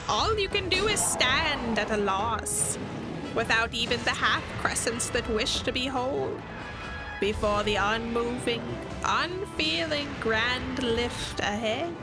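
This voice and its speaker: A woman putting on the voice of an old crone hag, drawing out each line slowly and ominously. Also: a little high. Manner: slow, drawn-out, portentous delivery. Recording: game stream with loud music behind.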